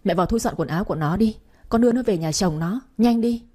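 A woman's voice: medium pitch, quick pace, warm tone, natural voice. A woman voicing a stern, protective young husband in a story reading. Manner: stern, commanding.

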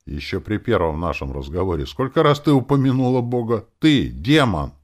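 A man voicing a blunt, irritable young male dark mage who swears. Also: fairly low pitch, big pitch swings, normal speed, pitched above the performer's own voice. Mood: irritated. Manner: gruff, swearing.

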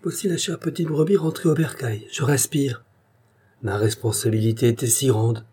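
A man's voice: medium pitch, brisk, mellow, husky, pitched above the performer's own voice, close to an everyday voice. A man voicing a carefree, lightly teasing young man in a read-aloud story.

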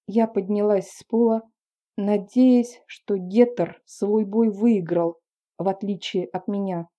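A woman reading a first-person story in a calm, measured audiobook narration. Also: mid-range voice, muffled recording. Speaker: audiobook reader.

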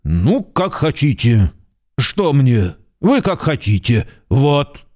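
An actor playing a stubborn, tipsy manservant in a literary radio drama, drawling slowly and repeating himself evasively. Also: male voice, medium pitch, very animated, darkish tone. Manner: slow, droning drawl with repeated "he says".

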